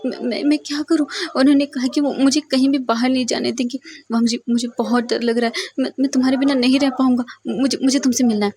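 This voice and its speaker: A woman's voice: on the high side, flat delivery, normal speed, hardly any pauses, a little mellow, natural voice. Wei Ying, a stammering scared young man voiced by a woman. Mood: tearful pleading. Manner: stammering, pleading.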